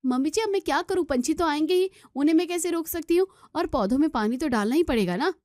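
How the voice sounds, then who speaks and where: A woman playing a high, pleading young daughter-in-law. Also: expressive, fast, a little mellow, dry recording, clean studio sound. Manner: pleading, defensive replies.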